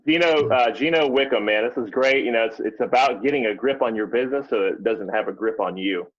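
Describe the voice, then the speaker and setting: A man telling stories as a guest on a podcast, in a relaxed, easygoing way. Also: medium pitch, a little fast. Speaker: podcast guest, real estate investor. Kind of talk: casual interview chat. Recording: dull lo-fi sound.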